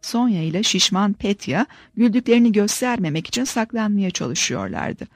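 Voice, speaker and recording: A woman narrates an audiobook in a steady, measured voice. Her pitch sits in the middle range. The recording is dry, with no room sound. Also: no echo. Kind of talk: scripted narration.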